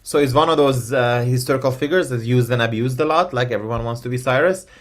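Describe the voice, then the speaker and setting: Speaking quickly at medium pitch, this Iranian man, a native Persian speaker, fields interview questions as the guest expert. His delivery is halting, full of ums and false starts.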